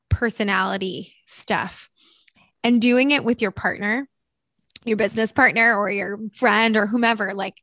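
A woman's voice: medium pitch, fairly bright tone, no echo, studio quality. A woman co-hosting a podcast, talking in an effusive, chatty way in casual conversation. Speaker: podcast co-host.

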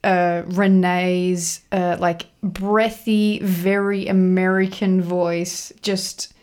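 A woman's voice: lowish voice, little pitch movement, extremely slow, a little mellow. A woman co-hosting a podcast, agreeable and wry in casual back-and-forth. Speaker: podcast co-host. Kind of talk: podcast chat.

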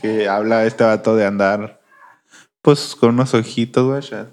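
A man's voice: fairly low pitch, steady tone, measured pace, a little mellow. A man with a Mexican accent teasing his friends in casual, slangy podcast banter. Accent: Mexican Spanish. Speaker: podcast co-host. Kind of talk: casual chat.

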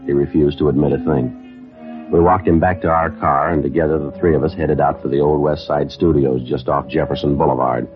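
An actor playing a terse, methodical police detective in a vintage radio crime drama, deadpan and clipped. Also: male voice, a bass voice, a little fast, music in the background. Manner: deadpan, clipped, matter-of-fact. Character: terse, methodical male police detective narrating his case. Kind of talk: 1950s radio crime drama narration and dialogue. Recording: muffled vintage radio recording.

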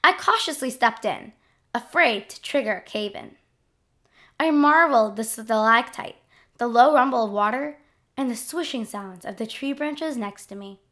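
A woman narrating a scripted first-person adventure story in an expressive diary-like manner. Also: fairly high pitch, moderate pace.

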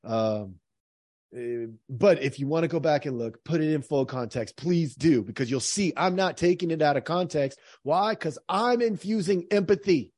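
A man hosting his podcast, explaining points in an energetic, emphatic, teacherly way. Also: a little high, moderate pace, dry recording. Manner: energetic, emphatic, teacherly, frequent "all right". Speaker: podcast host.

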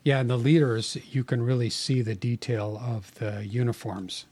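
A man with a husky voice, chatting casually as a podcast co-host. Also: mid-range voice, fairly even intonation, normal speed, a little mellow. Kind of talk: casual chat.

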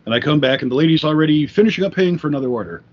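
A man hosting a podcast, telling a work story in a rambling, animated way and swearing freely. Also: a little high, racing. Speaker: podcast host. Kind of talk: casual storytelling chat. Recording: dull lo-fi recording.

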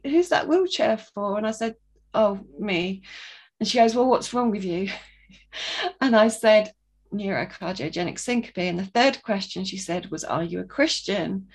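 A woman's voice: medium pitch, breathy edge. A woman telling a personal faith story in a casual, chatty way, often restarting sentences and acting out what people said. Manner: chatty, restarts sentences, acts out quoted voices. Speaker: guest sharing a testimony.

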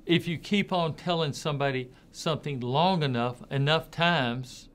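A man hosting a motivational talk, speaking earnestly and deliberately, sometimes acting out harsh, scolding voices. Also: on the high side, fairly bright tone. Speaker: host.

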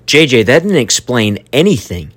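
A man's voice: medium pitch, normal speed, no room sound. An actor playing a skeptical young man who dryly questions his friend's rambling. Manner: dry, skeptical, lively. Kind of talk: hobby audio drama.

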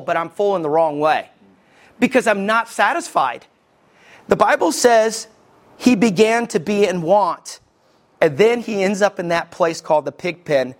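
A man, preaching a sermon as lead pastor from Alabama with folksy, animated storytelling. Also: high-pitched.

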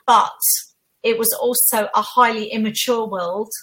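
A woman's voice: a little high, steady tone, a little slow, fairly bright tone, poor audio. A middle-aged woman with an Essex accent, answering conversationally as a podcast guest in a candid, emphatic way. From Essex, England. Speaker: podcast guest, tutor and former equities trader.

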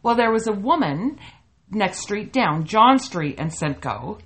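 A middle-aged woman from Canada, co-hosting a casual podcast and telling funny stories with an animated manner. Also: medium pitch, a little slow. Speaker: podcast co-host. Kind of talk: casual storytelling chat.

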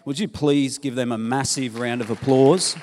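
A man's voice: medium pitch, steady tone, moderate pace, a faint crowd, a little hiss or hum. A man preaching a sermon in a church, rousing the congregation with enthusiasm. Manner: warm, enthusiastic, audience-rousing. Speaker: pastor. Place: church hall. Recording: echoey church hall.

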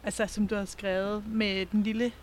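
An interviewer who asks questions in a calm, measured way and also reads a short passage of narration. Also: medium pitch, a little hiss or hum. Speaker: interviewer and reader. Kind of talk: conversational questions and read narration.

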